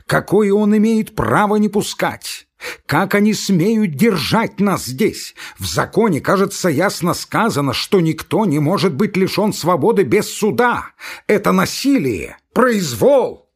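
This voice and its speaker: A man's voice: on the low side, very animated, extremely slow, few pauses, a little mellow, breathy edge, full character voice. A man voicing an enraged male asylum patient who screams in fury. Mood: furious shouting. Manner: screaming, furious outbursts.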